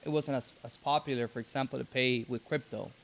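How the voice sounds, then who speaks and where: A young man from Cuba, raised in Mexico, speaking as a podcast guest in a halting way with many restarts. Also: mid-range voice, steady tone, vocal fry, fairly bright tone. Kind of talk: casual interview.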